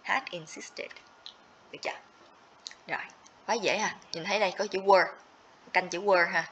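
Bright-voiced woman teaching. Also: fairly low pitch, steady tone, moderate pace, a little hiss or hum. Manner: explains step by step, checks in with students often. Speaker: TOEIC teacher. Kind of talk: livestream grammar lesson. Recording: slightly dull lo-fi audio.

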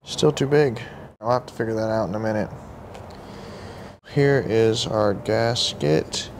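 A young man giving casual running commentary while fixing a carburetor at an outdoor workbench, in a relaxed way with muttered asides to himself. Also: lowish voice, a little slow, noisy background. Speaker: vlogger working on a carburetor. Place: outdoor workshop table beside a truck.

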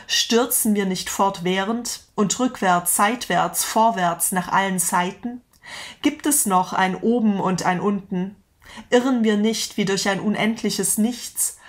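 A woman's voice: mid-range voice, natural voice. A woman voicing a frantic prophetic madman, declaiming a long chain of passionate questions. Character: frantic grown man, a prophetic madman with lantern.

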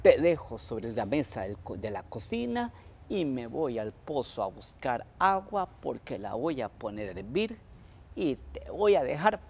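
A man's voice: mid-range voice, very animated, unhurried, a little mellow, a little hiss or hum. A man voicing a cranky old woman cook from a folk tale who threatens and scolds. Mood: threatening.

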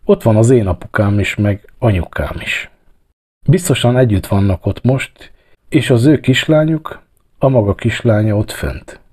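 A man voicing a shy, earnest ten-year-old girl who speaks softly. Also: fairly low pitch, lively intonation, breathy edge, voice pushed up.

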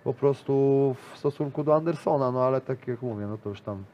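A man in his thirties who grapples speaks briskly at medium pitch, and the recording sounds muffled. Sitting as an interview guest in a small studio with a decorated wall, he chats casually and rambles with lots of fillers and restarts.

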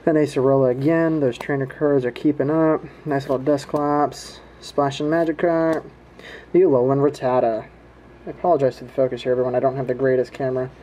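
A man's voice: medium pitch, flat delivery, fairly quick, mellow, a little hiss or hum, low-quality recording. A man giving casual, laid-back running commentary to viewers in a folksy way, recorded indoors on a home camera. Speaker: host of a trading card pack-opening video. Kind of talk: casual running commentary while opening card packs. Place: indoors at home, hands at a table.

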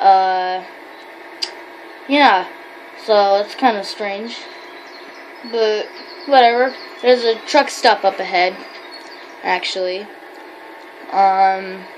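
A woman's voice: a little high, a bit bright, slight background noise, rough recording. A woman giving rambling, chatty gameplay commentary while role-playing as a trucker, with many fillers and self-corrections. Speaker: gamer.

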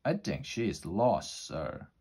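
A man voicing a polite, calm female pterodactyl police officer in a storybook reading, speaking gently. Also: deep voice, slow pace, slightly rough, exaggerated voice.

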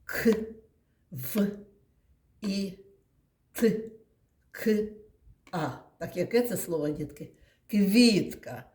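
A woman's voice: lowish voice, darkish tone. Patient woman teacher in an echoey room. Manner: slow, patient, sounding out words for children. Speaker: kindergarten teacher. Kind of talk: classroom lesson for young children.

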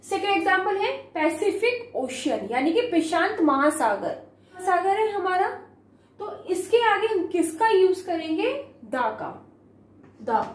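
Her voice very high-pitched and animated, an Indian-accented woman teaches young pupils grammar, blending Hindi with English. She reads each rule aloud slowly and answers her own questions, with reverb on the recording.

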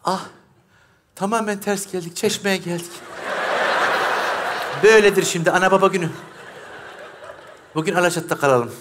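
High-voiced man joking in an improv scene. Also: normal speed, long pauses, background noise. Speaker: improv performer. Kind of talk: improvised comic acting.

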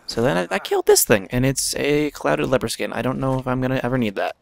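In a dry recording, a gravelly-voiced man of medium pitch talks casually to himself while playing a video game for his channel. His chatter turns into quick bursts during exciting moments.

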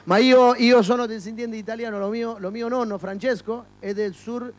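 A man's voice: very high voice, steady tone, normal speed, slight background noise. A middle-aged man hosting a comic TV show, teasing his interviewees with mock outrage and holding a handheld mic indoors. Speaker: comic TV host. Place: indoor studio and shops. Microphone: handheld microphone.

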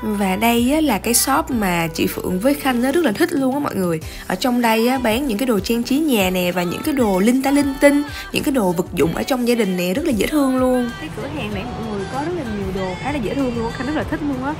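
A woman's voice: fairly high pitch, expressive, fast, hardly any pauses, darkish tone. Chatty Southern Vietnamese woman vlogging. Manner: chatty, enthusiastic, addresses viewers often. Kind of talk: casual travel vlog narration. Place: outdoor shopping mall and shops. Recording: music playing under the voice. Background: background music.

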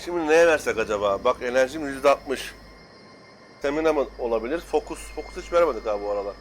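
A young man casually commenting while playing, excitable and cursing at the game, shouting now and then. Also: medium pitch, quick pace, a little hiss or hum. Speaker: gaming YouTuber. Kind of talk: Let's Play commentary.

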